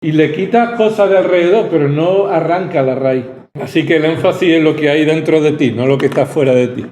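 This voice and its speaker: A man's voice: sits high, darkish tone, roomy sound. A male pastor from preaching a sermon, pressing his points with rhetorical questions and repetition. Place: church hall.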